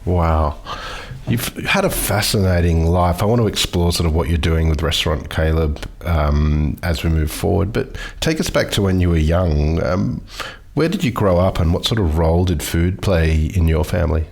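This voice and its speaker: Man, podcast host, very low voice, gravelly texture, measured questions. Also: a little mellow. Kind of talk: interview questions.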